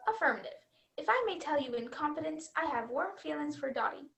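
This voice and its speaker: A woman's voice: high voice, expressive, brisk, gravelly, fairly bright tone, full character voice. A woman playing an earnest, dutiful robot vacuum in a scripted stage comedy, with formal robotic phrasing. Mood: shyly confiding. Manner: formal robotic phrasing, spells words out letter by letter. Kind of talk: scripted youth theater comedy acting.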